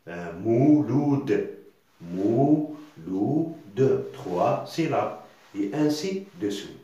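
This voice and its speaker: A man's voice: on the low side, darkish tone, muffled recording. A man teaching a reading lesson, patiently repeating words and sounding out syllables one by one. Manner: repetitive, patient, sounds out syllables slowly with tags like hein. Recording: very echoey room.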